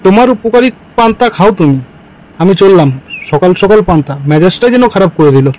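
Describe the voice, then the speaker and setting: A man's voice: sits high, expressive, brisk, a little mellow, rough recording. A man voicing a grumpy village husband. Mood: grumbling. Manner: grumbling, fed up. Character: grumpy village husband sick of stale rice. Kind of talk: doll-story cartoon voicing.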